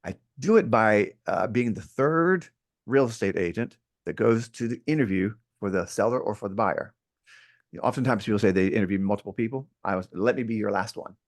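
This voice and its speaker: A man who teaches real estate, talking in an interview with a lively, playful, emphatic manner from his home. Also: lowish voice, brisk. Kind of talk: interview conversation. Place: at home near an outdoor deck.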